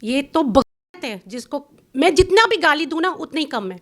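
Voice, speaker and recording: As an interview guest, a middle-aged woman from Pakistan makes an emotional complaint, sounding bitter, accusing and insistent. Her high voice is very animated with a fairly bright tone.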